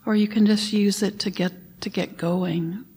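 A woman leading a guided meditation, giving gentle instructions and sometimes dropping to a whisper on the breath cues. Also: medium pitch, fairly even intonation, normal speed, slightly rough.

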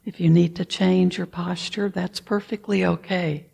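A woman leading a guided meditation, talking softly and calmly, with frequent throat clearing. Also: fairly low pitch. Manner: slow, soft-spoken and calm, with frequent throat clearing. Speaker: meditation teacher.

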